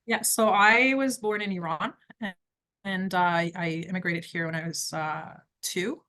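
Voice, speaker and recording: Heard on a rough recording, a middle-aged woman from Quebec, Canada talks a little slowly in a lowish, bright, forceful voice. As a criminal defence lawyer, she answers interview questions conversationally with direct, emphatic advice.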